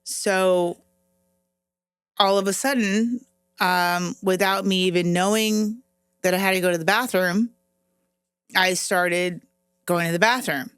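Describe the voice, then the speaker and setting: A middle-aged woman co-hosting a podcast, telling an embarrassing story in a casual, animated way and laughing as she goes. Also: medium pitch, slow, pauses often, clean tone, dry recording, studio quality. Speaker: podcast co-host.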